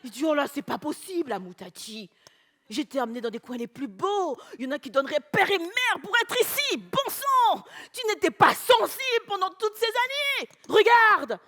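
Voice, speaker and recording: A woman voicing an exasperated French husband who shouts in indignation. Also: a little high, animated, brisk, slightly rough, big-room sound. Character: exasperated French husband, middle-aged man, hiker.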